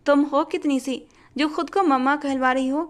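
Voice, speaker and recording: A woman doing an angry young father in a storybook reading, cold and protective, his threats short and clipped. His voice is pitched high and stays tight and controlled. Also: steady tone, moderate pace, natural voice. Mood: cold anger.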